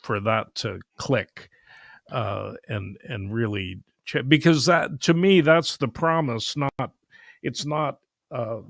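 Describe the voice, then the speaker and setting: A man hosting a podcast interview, asking questions in a halting, hesitant way with many fillers. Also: mid-range voice, vocal fry, fairly bright tone, no room sound, clean studio sound. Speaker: podcast host.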